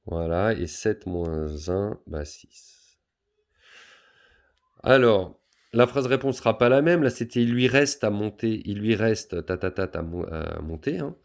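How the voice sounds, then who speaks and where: A male teacher works through a subtraction problem for his pupils, pausing on fillers as he goes. His voice sits low and has a gravelly edge. His manner is patient and step-by-step. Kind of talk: math lesson for pupils, explaining on a board.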